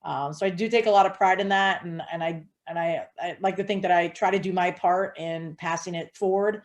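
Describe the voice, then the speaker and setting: A woman coach from Hawaii speaks in a fairly low voice. She answers interview questions earnestly and steadily, with plenty of ums and uhs. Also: brisk. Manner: earnest, steady, with frequent fillers. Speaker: head softball coach.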